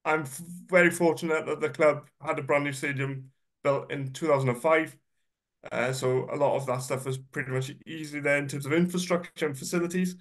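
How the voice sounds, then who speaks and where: A guest speaker in his 30s, his voice a little high and steady in tone, moves at a brisk clip. Congested and slightly nasal from a cold, he delivers a chatty, self-deprecating personal presentation full of ums and uhs.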